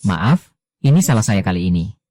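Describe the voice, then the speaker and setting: A man reading the dialogue of a dubbed drama, voicing every role in one even, low-key delivery. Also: moderate pace, no echo, studio quality. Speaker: voice-over reader of a drama.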